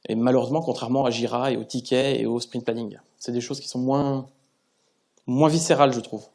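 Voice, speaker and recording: Male conference speaker, mid-pitched, relaxed chatty delivery with self-deprecating asides. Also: brisk. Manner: conversational and self-deprecating, with frequent restarts. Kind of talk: conference talk to a live audience. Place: conference room.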